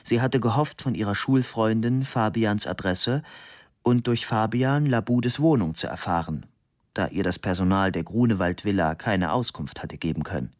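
A man reading a novel aloud as narrator, calm and measured. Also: on the low side, no room sound, studio quality. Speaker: audiobook narrator. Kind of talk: scripted narration.

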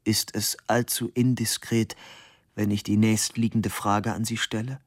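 A man reading an audiobook and voicing a formal, fussy old male literary historian whose stiff speech turns shrill and indignant. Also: level tone, a little slow, no echo, clean studio sound. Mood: formal, courteous. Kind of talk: audiobook narration.

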